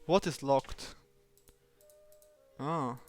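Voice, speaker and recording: A man speaking slowly in a put-on British accent, chatting away to himself as he works through a design on stream. His talk is playful and rambling, with faint music in the background. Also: mid-range voice. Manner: using a fake British accent. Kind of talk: livestream self-talk while doing design work.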